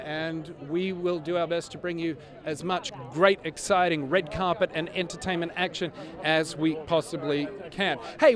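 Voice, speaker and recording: A man hosting live from an outdoor red carpet with upbeat, gushing chatter. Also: high-pitched. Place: outdoors at a shopping plaza. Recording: busy outdoor crowd behind.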